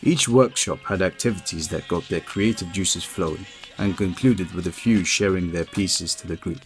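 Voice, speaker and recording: Deep-voiced man narrating over music. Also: moderate pace. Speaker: documentary narrator. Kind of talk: scripted narration.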